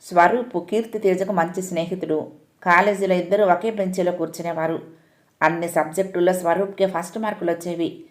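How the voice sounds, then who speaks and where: A woman narrating a story in a calm, measured reading voice, giving the characters' lines a gentle lift. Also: lowish voice. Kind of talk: audiobook-style story narration.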